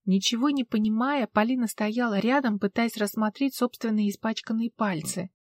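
A woman's voice: a little high, moderate pace, no room sound, studio quality. Woman narrating an audiobook. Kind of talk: scripted narration.

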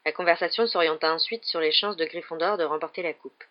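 An audiobook narrator reading a story in a steady, measured way. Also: medium pitch, dull audio.

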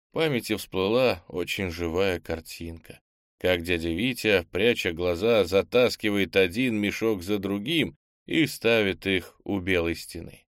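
Man reading an audiobook, low voice, calm steady storytelling, dry close sound. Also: dry recording. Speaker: audiobook narrator. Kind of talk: scripted narration.

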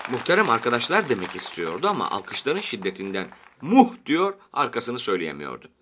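A man reading a satirical short story aloud for radio in a lively, expressive way, recorded in a radio studio. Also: fairly low pitch. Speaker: story reader.

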